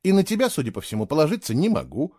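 A man's voice: fairly high pitch, huge pitch swings, very fast, darkish tone, pitched above the performer's own voice. A man voicing an indignant young man, a stranger in a strange world, speaking in an irritated, insistent way. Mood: earnest.

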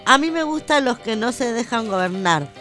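A radio co-host with a Rioplatense Argentine Spanish accent trades playful lines in a sketch. Her voice is on the high side, expressive and fairly bright at a moderate pace, with faint music behind her.

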